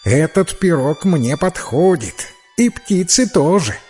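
A man voicing a haughty, mocking young woman in a storybook reading, with a shrill, sneering manner. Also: animated, slow pace, dark tone, soft background music.

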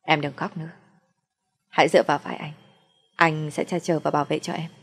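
A woman voicing a young man, a gentle boyfriend who teases and comforts in a soft, reassuring way. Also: low voice, little pitch movement, fairly quick, breathy edge, big-room sound. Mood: comforting.

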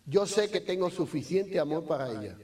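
A man's voice: fairly high pitch, normal speed. A middle-aged man giving a motivational talk, joking and telling personal stories. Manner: lively, joking, imitates motor sounds. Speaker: motivational speaker at a business meeting.

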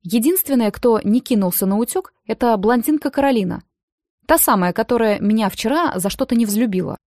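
A woman narrating a first-person audiobook with an even storytelling delivery. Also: on the high side, brisk, dry recording, clean studio sound.

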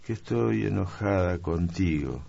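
Guy reading as a moody young noblewoman, pitched up, slow and careful, dull lo-fi audiobook. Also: expressive, vocal fry, dark tone, heavily acted.

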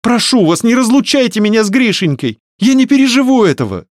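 Field: storybook. Figure: a man voicing a desperate young noblewoman. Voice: shrill, tearful. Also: big pitch swings, normal speed, dry recording, studio quality. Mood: pleading, distraught. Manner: high strained falsetto, tearful outbursts.

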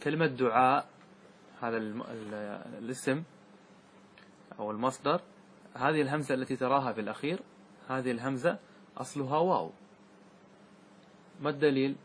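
A man, a sheikh, teaching a class on Arabic grammar, reciting verse slowly and checking whether students follow. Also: medium pitch, a little hiss or hum. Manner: asks students rhetorical checks like "clear?". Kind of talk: classroom lesson explaining verse.

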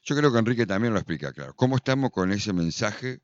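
Deep-voiced Argentine radio host. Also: male voice, sing-song, quick pace, dry recording, highs cut off. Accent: Argentine Spanish. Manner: conversational, constant backchannel murmurs. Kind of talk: radio interview.

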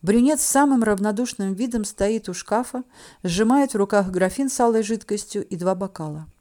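A woman reads a first-person audiobook in a medium, mellow voice with a dark warmth. She tells it dramatically, dropping dry, wry asides between the action. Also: medium pitch, moderate pace. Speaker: audiobook narrator.

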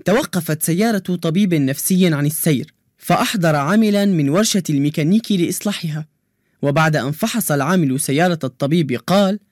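A playful young male joke-teller from a children's radio drama, voiced by a man. His voice sits high and the sound is close and dry, without room echo. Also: quick pace, lightly acted. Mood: cheerful. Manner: cheerful, playful storyteller. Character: cheerful joke-telling young male quiz contestant. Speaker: radio show character who answers quizzes and tells jokes.

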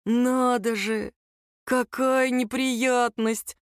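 A woman voicing a lanky, menacing male thug who mocks his victim in a slow, sneering drawl. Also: on the high side, big pitch swings, no echo, studio quality, pitched above the performer's own voice.

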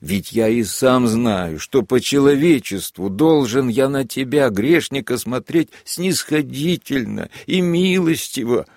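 A man's voice: mid-range voice, expressive, unhurried, hardly any pauses, no echo, clean studio sound, voice pushed up. Man reading as a sadistic mock-kindly lieutenant. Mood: mock-gentle. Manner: sanctimonious, syrupy, then gleeful shouting.

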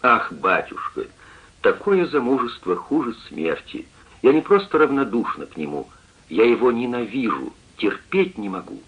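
A man's voice: medium pitch, very animated, normal speed, husky. A male reader voicing a tender, imploring young woman who begs her father, in a dull lo-fi radio recording. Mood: pleading. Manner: imploring, tender, tearful pleading. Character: young woman, a pleading loving daughter.

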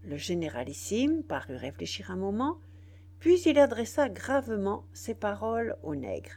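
Woman reading an old novel out loud, audiobook style, expressive, middle pitch voice. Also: moderate pace. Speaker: audiobook narrator. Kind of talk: audiobook narration of a classic novel.

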